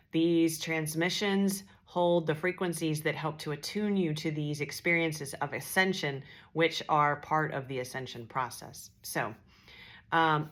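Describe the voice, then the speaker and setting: A woman's voice: low voice, a bit bright. A woman hosting a casual spiritual vlog, earnest and reassuring, with a groggy morning voice. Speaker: spiritual channeler and host. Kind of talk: casual direct-to-camera vlog.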